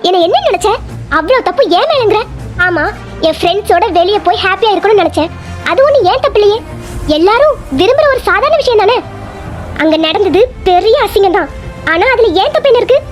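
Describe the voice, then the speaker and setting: A woman voicing a wronged young college woman, emotional and defiant, in a cartoon. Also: very high-pitched. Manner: pleading then defiant, emotional.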